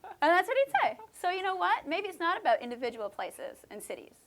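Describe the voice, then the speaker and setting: Very high-voiced and very animated, she speaks fairly quickly with a slightly bright tone. She's a musician from Canada's West Coast, chatting through relaxed interview answers thoughtfully, with lots of fillers.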